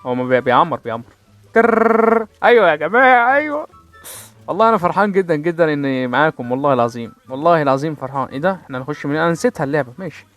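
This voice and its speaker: A man's voice: fairly high pitch, very fast, few pauses, a bit bright, soft background music. A man with an Egyptian accent giving casual, playful gameplay commentary, joking with his viewers and mouthing gunfire sounds. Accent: Egyptian Arabic. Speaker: gaming channel host.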